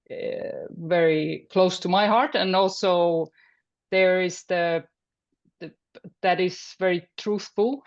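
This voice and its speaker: A woman speaks slowly in a low, gravelly voice over dull, lo-fi video call audio. She introduces herself haltingly as a filmmaker guest, with soft laughs between her phrases. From Finland.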